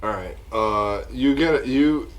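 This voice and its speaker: A man's voice: mid-range voice, takes it slowly, distant mic. A man narrating a tabletop game as game master in a matter-of-fact way.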